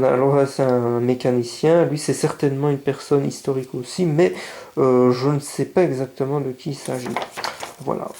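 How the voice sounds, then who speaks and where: A man casually showing a scale model kit to his viewers, hesitant with many fillers, stumbling over English words. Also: mid-range voice. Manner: relaxed, hesitant with frequent "euh" fillers; mispronounces English paint names. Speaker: scale model hobbyist vlogger. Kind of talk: casual unboxing commentary.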